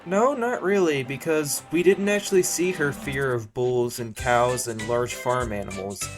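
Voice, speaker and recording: A man's voice: medium pitch, measured pace, faint music behind. A man casually commenting over clips in a chatty, giggly way, full of fillers. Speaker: video reviewer.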